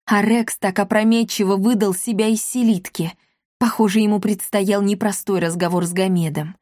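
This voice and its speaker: A woman's voice: medium pitch, fairly even intonation, normal speed, darkish tone, dry recording. Female audiobook narrator, dramatic storytelling, dry studio read. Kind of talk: expressive audiobook reading.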